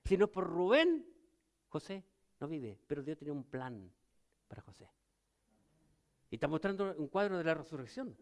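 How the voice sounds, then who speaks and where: An older man with a Chilean accent preaching a sermon as pastor, moving between loud emphatic lines and low, quiet ones. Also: very animated, normal speed, long pauses.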